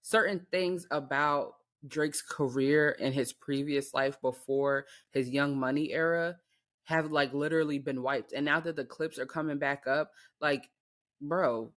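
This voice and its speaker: A woman's voice: sits low, fairly even intonation, a little slow. An American woman co-hosting a podcast, chatting casually and emphatically in slangy speech with pointed rhetorical questions. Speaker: podcast co-host. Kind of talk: casual opinionated chat.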